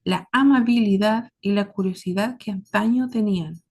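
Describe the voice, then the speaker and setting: The host of a series about caregiving, a woman from southern Chile with a Chilean accent, delivers a reflective monologue to her listeners. Her medium-pitched, darkish voice comes in short, paused phrases, earnest and deliberate.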